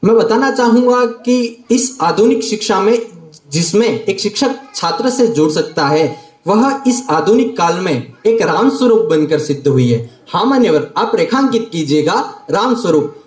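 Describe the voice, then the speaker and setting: A man's voice: sits high, animated, normal speed. A young man in his late teens, a student debater giving a formal speech, declaiming and repeating phrases for emphasis. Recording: roomy echo.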